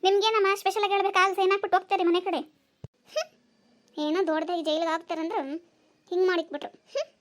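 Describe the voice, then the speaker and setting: A woman's voice: extremely high pitch, racing, long pauses. Scornful cartoon mother-in-law, voiced by a woman. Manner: scornful, bossy. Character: sharp-tongued mother of the wife.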